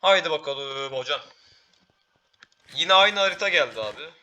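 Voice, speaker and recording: A teenage boy giving excitable live commentary while playing a game, calling out to teammates and viewers. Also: a little high, moderate pace. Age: teens. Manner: excitable, talks to teammates and viewers, frequent exclamations. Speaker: gaming YouTuber.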